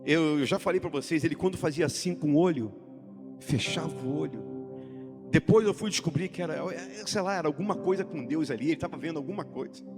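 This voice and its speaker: A pastor with a high voice preaches with dramatic swings, rising into loud, almost sung lines and sinking to hushed tones. His words ring out through a long church-hall reverb. Music plays clearly beneath him. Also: fast talker. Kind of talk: sermon. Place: church sanctuary.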